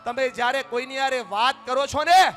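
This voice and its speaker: A man giving an energetic motivational speech at a family gathering. He exhorts the audience and leads them in call-and-response chants, sometimes shouting. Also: very high-pitched, brisk.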